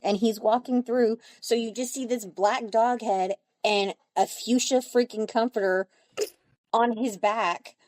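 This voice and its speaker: Mellow dry-sounding woman podcast host, blunt and wry. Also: fairly high pitch, fairly even intonation, unhurried, no echo. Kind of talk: casual chat.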